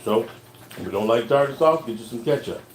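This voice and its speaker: A man's voice: mid-range voice, lively intonation, brisk, roomy sound, far from the mic, low-quality recording. Casual male outdoor cook, folksy, live-stream chat, faint background noise. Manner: folksy, tastes food while talking. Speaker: outdoor cooking livestreamer. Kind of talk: casual cooking livestream.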